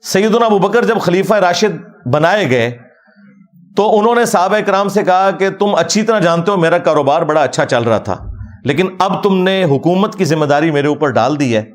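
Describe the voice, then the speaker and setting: A man giving a critical religious talk in a mocking, argumentative way. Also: on the high side. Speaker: religious speaker.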